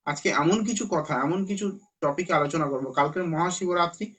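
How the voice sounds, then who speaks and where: A man's voice: on the high side, fairly quick, fairly bright tone. A man with a Bengali accent, an astrologer on a live stream, lecturing viewers earnestly and urging them to listen.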